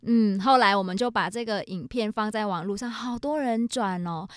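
A woman's voice: mid-range voice, moderate pace, no room sound, clean studio sound. A woman from Vietnam with a Vietnamese accent, speaking Mandarin as a foreigner and telling stories casually as an interview guest. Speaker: interview guest, bilingual host and video creator.

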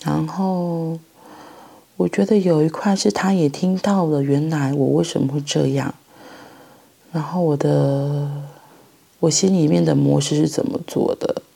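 A middle-aged woman with a Taiwanese Mandarin accent, a mother reflecting on parenting in a thoughtful, halting monologue. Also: sits low, steady tone, gravelly, dark tone. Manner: halting, thoughtful, pauses mid-phrase.

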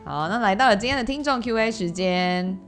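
Fast, expressive Taiwanese woman host. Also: mid-range voice, very noisy. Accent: Taiwanese Mandarin. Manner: chatty, expressive, exclaiming. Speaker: podcast host. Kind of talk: casual chat. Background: music.

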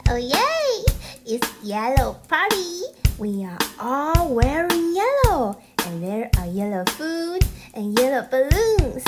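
A woman's voice: high voice, sing-song, slow pace, voice pushed up, full character voice. A woman voicing a childlike, dramatic little crocodile princess who cries easily, in a children's audio story. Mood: delighted. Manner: exclamatory, childlike. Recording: music under the voice.

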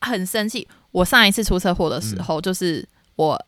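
A young woman, co-hosting a podcast and telling a story in a dramatic, animated way. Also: lowish voice, normal speed, dry recording, studio quality. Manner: animated, dramatic retelling with shouted quotes. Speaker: podcast co-host. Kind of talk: casual storytelling chat.

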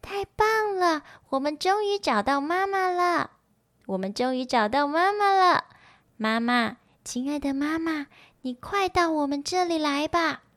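Tadpole children, eager and shrill, put on by a woman reader; close dry storybook read. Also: unhurried, no echo. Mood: excited. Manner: high, calling out excitedly.

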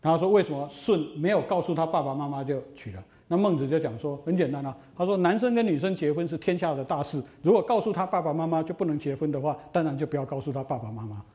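This middle-aged university lecturer talks fast with few pauses, his voice mellow and somewhat high. He spins old stories with lively asides, animated throughout, and constantly poses rhetorical questions to the students.

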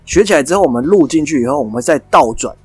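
A man's voice: on the high side, animated, quick pace, slightly rough. A man with a Taiwanese Mandarin accent chatting casually as a podcast co-host during a guessing game. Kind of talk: casual chat while playing a guessing game.

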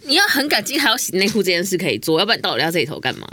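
A woman co-hosting a casual chat, cutting in with quick teasing remarks. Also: mid-range voice, very animated, pushed and bright, no echo.

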